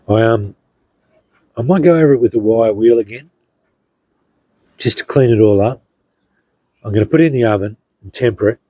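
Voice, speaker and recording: A middle-aged man talks slowly through the pieces he made, pausing with ums and restarts. His voice is low, dark and a little husky, recorded close and dry with no room sound. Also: no echo, rough recording. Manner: unhurried, rambling, many ums and restarts. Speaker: hobby blacksmith showing his work. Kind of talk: casual show-and-tell narration.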